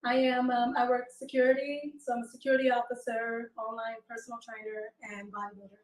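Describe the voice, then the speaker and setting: A woman in her twenties from Haiti, a guest on a call-in show, speaking softly and hesitantly with many fillers. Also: a little high, level tone, brisk, echoey room, recorded from a distance, low-quality recording. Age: 20s. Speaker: show guest seeking a partner. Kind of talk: casual call-in chat.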